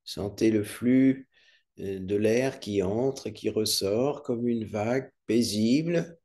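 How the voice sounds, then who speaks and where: A man leading a guided meditation as a yoga nidra instructor, calm, soothing and unhurried, with long pauses. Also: lowish voice.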